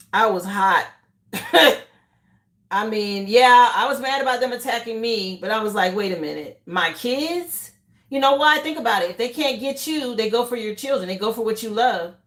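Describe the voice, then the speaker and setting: Emphatic woman tarot reader, echoey room. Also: on the high side. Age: adult, mother of children. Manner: emphatic, talks straight to viewers with repeated "okay". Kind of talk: live tarot reading for viewers.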